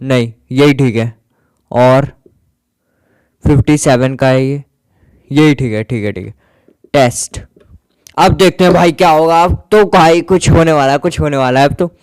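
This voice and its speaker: A man with a high, smooth and resonant voice chats through his gameplay as a casual commentator. He grumbles and jokes in a playful banter and slips English words in here and there. The sound is close and dry, with no room around him. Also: normal speed, darkish tone, no echo. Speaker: gaming YouTuber.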